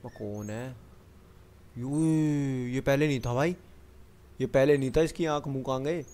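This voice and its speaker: A man's voice: medium pitch, unhurried, mellow. A man giving running commentary on a horror game, chatting to himself and the viewer and breaking into panicky bursts when the enemy shows up. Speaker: gamer.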